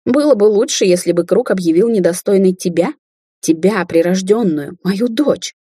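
A woman's voice: mid-range voice, normal speed, warm tone, husky, no room sound, studio quality, lightly acted. A woman reading an audiobook, voicing a grumbling, defensive mother who is a middle-aged sorceress.

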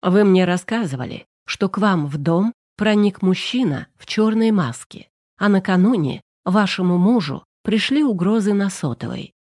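Woman reader as a curt, brisk lawyer woman. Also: medium pitch, animated, dry recording, clean studio sound, natural voice. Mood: curt, tense. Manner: curt, commanding, hushed.

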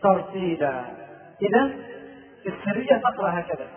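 An Egyptian man gives a religious lesson in a high voice, stopping to chant out drawn-out examples. He sounds far from the microphone in an echoing room. The old recording has a thin, phone-like tone. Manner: explains, then chants and drawls examples to demonstrate. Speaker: Islamic preacher. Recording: distant, echoey, phone-like old tape recording.

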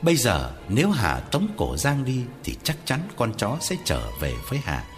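A man narrating a Vietnamese horror story with an expressive storyteller's manner. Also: medium pitch, normal speed, faint music behind.

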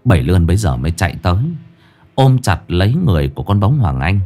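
Low-voiced lively male storyteller. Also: quick pace, soft background music. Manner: expressive, dramatic reading. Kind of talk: ghost story narration.

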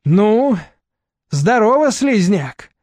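A man's voice: high voice, very animated, drawn-out words, darkish tone, no room sound, clean studio sound, pitched above the performer's own voice, full character voice. Man doing a sneering slick young thug. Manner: menacing, sneering, hissing.

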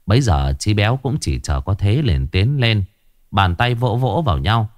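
A man's voice: lowish voice, normal speed, no echo, studio quality. A man narrating a horror story expressively. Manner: expressive, animated. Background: faint music.

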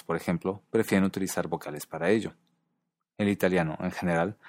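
Man, scripted lesson narration, measured and careful, deep voice, dry sound. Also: no echo. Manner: calm, measured, pronounces foreign example words carefully. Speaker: narrator of a language video.

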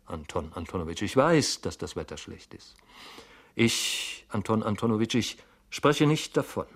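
A man's voice: fairly low pitch, big pitch swings, normal speed, slightly rough, heavily acted. A man voicing a timid middle-aged male clerk who stammers, halts and keeps repeating himself, in an audiobook reading. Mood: anxious, pleading.

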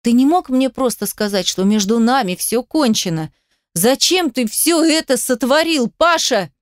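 A woman voicing a young ballerina who screams and sobs her accusations in a shrill voice. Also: animated, unhurried, no room sound, clean studio sound. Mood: hysterical. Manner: shrill, sobbing, shouting accusations.

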